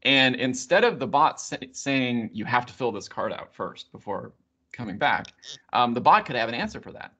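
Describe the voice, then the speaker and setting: A man, a software company guest, explaining how a product works in a hesitant, explanatory way with many restarts. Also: medium pitch, big pitch swings, normal speed. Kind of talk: conversational technical explanation. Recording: muffled video call audio.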